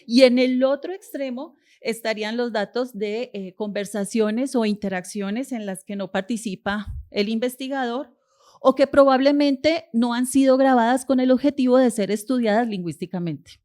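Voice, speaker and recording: A woman lecturer with a somewhat high voice explains a linguistics topic to a conference audience. She asks herself rhetorical questions and then answers them. She fills her pauses with hesitations. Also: darkish tone.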